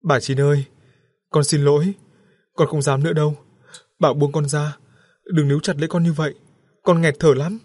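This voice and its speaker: A man's voice: a little high, moderate pace, pauses often, darkish tone, no room sound, studio quality, pitched above the performer's own voice, natural voice. Casual: guy doing a dazed husband babbling and begging, voice pushed up. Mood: raving. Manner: raving, pleading. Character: dazed husband, raving and terrified.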